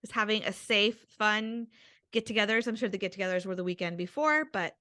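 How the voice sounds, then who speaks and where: A woman's voice: mid-range voice, fairly quick, bright, forceful tone, no room sound, studio quality. A young adult woman co-hosting a podcast with her mother, chatting casually and laughing often over a video call. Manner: giggly, chatty. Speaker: podcast co-host. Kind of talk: casual chat.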